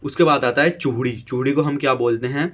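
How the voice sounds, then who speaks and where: A man teaching English vocabulary, slowly spelling each word letter by letter and often checking in with his viewers. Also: medium pitch, fairly even intonation, fairly bright tone. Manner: spells words letter by letter, repeats "theek hai". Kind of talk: slow dictation-style vocabulary lesson.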